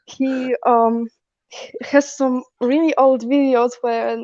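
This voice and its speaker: Slow, giggly woman. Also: sits high, little pitch movement, darkish tone, no room sound. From Poland. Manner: giggly, halting, many fillers. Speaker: guest on a stream. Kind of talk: casual online chat. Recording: dull lo-fi call audio.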